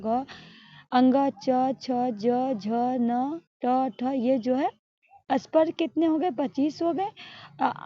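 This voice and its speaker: A woman's voice: sits high, dry recording. A woman teaching an exam-prep grammar lesson, explaining step by step, asking questions and answering them herself. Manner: ends points with a checking "all right?". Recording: dull, lo-fi sound.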